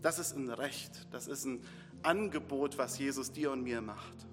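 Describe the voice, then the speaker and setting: A man's voice: mid-range voice, unhurried. A man preaching a sermon with earnest, repetitive phrasing, leading his congregation into prayer. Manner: earnest, builds in repeated short phrases. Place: church hall. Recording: long reverb in a hall, faint music.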